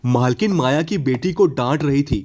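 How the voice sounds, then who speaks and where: A man narrating an animated moral story in an expressive storytelling manner. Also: mid-range voice, moderate pace, faint music behind.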